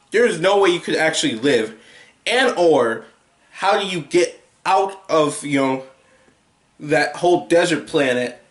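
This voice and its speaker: A man's voice: a little high, fairly bright tone, echoey room. A young man giving a casual, rambling movie review at home, full of restarts and filler words. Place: home room with a TV.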